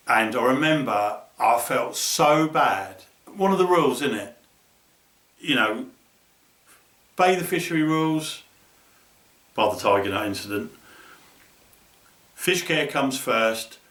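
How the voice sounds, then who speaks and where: Lively bloke telling fishing yarns. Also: male voice, medium pitch. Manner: animated, swears freely, acts out voices with laughter. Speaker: angler telling stories. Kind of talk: casual storytelling. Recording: roomy, distant mic.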